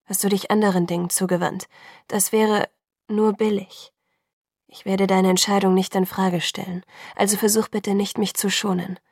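A woman reading the lines of an intense, remorseful young man in love, soft, hushed and pleading. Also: mid-range voice, flat delivery, normal speed, vocal fry, slightly rough, dry recording, clean studio sound.

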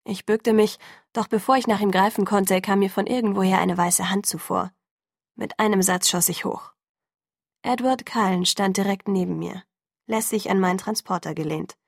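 A woman narrates a first-person story in a steady audiobook style. Her mid-range voice has a gravelly texture. The recording is dry and close, with no room sound. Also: medium pitch, normal speed, no echo.

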